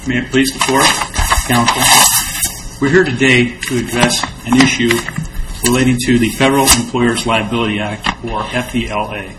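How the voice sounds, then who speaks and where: An American man speaking as an attorney, giving a formal oral argument in a measured, explanatory way. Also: mid-range voice, a bit bright, a little hiss or hum, low-quality recording.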